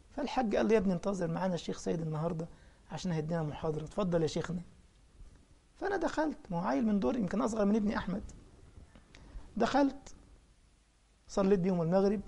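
Fast-talking Egyptian preacher, gravelly voice. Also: male voice, high-pitched. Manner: animated storyteller, acting out dialogue. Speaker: preacher and imam. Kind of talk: storytelling religious talk.

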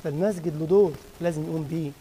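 A man with an Egyptian Arabic accent giving a mosque lesson, explaining a religious text and quizzing listeners with lively rhetorical questions. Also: fairly high pitch, rapid-fire, a little hiss or hum, poor audio. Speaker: religious teacher.

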